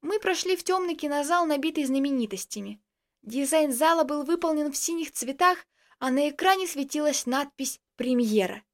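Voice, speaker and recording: High-voiced woman narrating a story. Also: normal speed. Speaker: audiobook reader. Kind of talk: first-person story narration.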